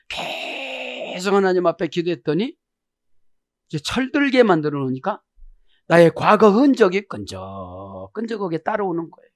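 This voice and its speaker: A man preaching a sermon as a pastor, checking in with his congregation and swinging between quiet murmurs and loud cries. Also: high-pitched. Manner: emphatic preaching with frequent "네?" check-ins to the congregation.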